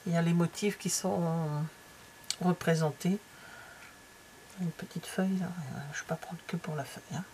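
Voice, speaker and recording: A woman's voice: on the low side, steady tone, normal speed, long pauses, a little mellow, a little hiss or hum. Chatty, hesitant French woman. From France. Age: middle-aged. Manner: chatty and hesitant, many fillers and trailing asides, drops to near-whispers. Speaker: craft vlogger flipping through a stamping catalogue. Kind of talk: casual chat.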